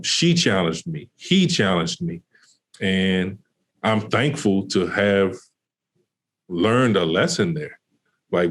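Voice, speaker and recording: A man, a basketball coach, telling a story in a casual podcast interview, with lots of fillers and restarts. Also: deep voice. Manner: animated when retelling conversations. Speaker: college basketball associate head coach.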